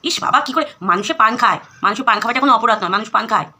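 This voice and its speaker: A woman's voice: a little high, lively intonation, racing, bright, forceful tone. A woman vlogger with a Bengali accent, ranting at her rivals in a scolding, sarcastic and insulting way. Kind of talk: angry vlog rant.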